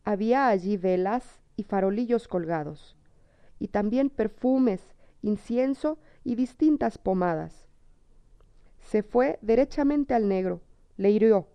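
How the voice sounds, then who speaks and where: A woman narrating a storybook tale in a steady, measured reading. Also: medium pitch, clear, resonant tone, no echo. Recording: dull lo-fi, dry.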